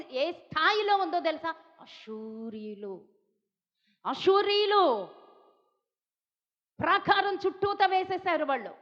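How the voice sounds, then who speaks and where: A woman from India preaching a sermon, talking emphatically and repeating questions to her listeners. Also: high voice. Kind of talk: Telugu sermon. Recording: dull sound in a reverberant hall.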